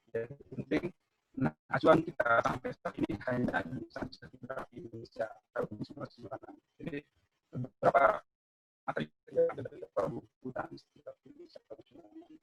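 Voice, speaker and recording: Over a bad video call connection that keeps breaking up, a geology lecturer with a high-ish, gravelly voice explains material in an online university class, often checking in with his listeners. The audio is dull, lo-fi and choppy.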